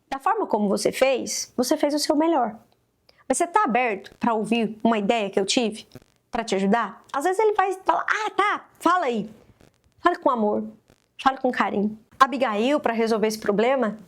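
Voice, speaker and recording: High-pitched woman mentor, emphatic and preachy, talking to camera. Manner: emphatic, preacherly, acts out dialogue. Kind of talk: direct-to-camera exhortation. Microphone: facing a camera.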